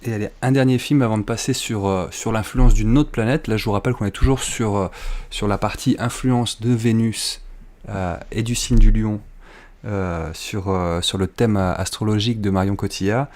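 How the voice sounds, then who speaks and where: A man's voice: fairly low pitch, fairly even intonation, moderate pace, darkish tone. Light-hearted male host. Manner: light-hearted, jokes about himself. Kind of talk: casual interview talk.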